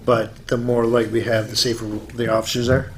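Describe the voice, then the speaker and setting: A man from the police answering a resident's question in a measured, hesitant way. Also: mid-range voice, little pitch movement. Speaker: police official answering at a meeting.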